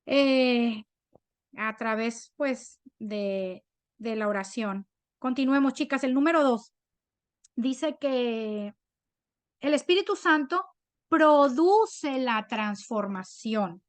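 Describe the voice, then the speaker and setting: High-voiced, chatty woman. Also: takes it slowly, pauses often, no echo. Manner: animated, chatty, often asks "right?". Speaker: women's Bible study leader. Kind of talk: personal testimony teaching.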